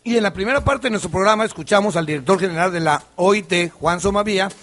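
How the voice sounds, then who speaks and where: A man's voice: sits high, quick pace, a bit bright. A man hosting a radio talk show, commenting chattily with frequent restarts. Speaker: radio host.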